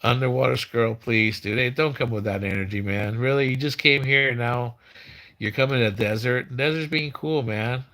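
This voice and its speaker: A man in his fifties chatting casually as a live stream host, with slurred, mumbling speech as if his tongue were half numb, halting and repeating words. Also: medium pitch, bright, forceful tone. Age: 50s.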